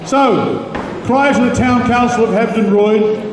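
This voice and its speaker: A man's voice: very high voice, unhurried. A man acting as master of ceremonies at a live competition, introducing the contestants to the hall. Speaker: competition announcer. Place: large indoor hall. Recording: echoey hall from far off, crowd behind.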